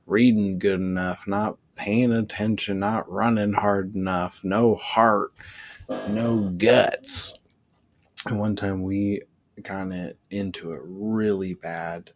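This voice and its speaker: A man hosting a podcast, telling a rambling personal story casually, with frequent swearing and filler words. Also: low voice. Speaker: podcast host.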